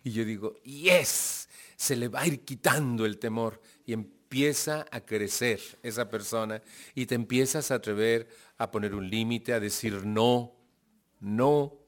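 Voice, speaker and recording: A man's voice: on the low side, fairly even intonation, moderate pace. A man with a Mexican accent giving a testimonial talk to a group, telling his story with acted-out dialogue and questions to the audience. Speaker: speaker sharing his recovery story.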